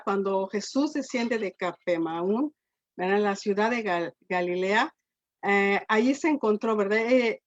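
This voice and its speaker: Woman preaching a lo-fi sermon. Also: medium pitch. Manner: frequent tag questions, unhurried with restarts. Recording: dull lo-fi recording.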